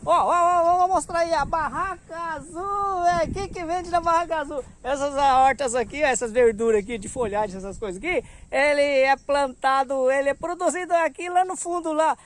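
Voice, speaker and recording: Chatty high-voiced man vlogging. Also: normal speed, few pauses, a bit bright, a little hiss or hum. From Brazil. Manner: chatty, laughs often, keeps saying "rapaz" and "ó". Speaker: vlogger showing a roadside vegetable stand. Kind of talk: casual walk-around vlog. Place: outdoors at a roadside stand in hot afternoon sun.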